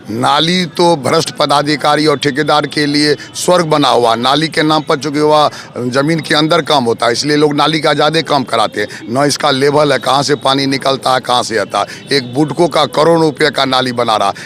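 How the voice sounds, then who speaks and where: In an interview, a medium-pitched local candidate answers aggressively, hurling accusations and listing complaint after complaint. A little hiss or hum sits on the recording.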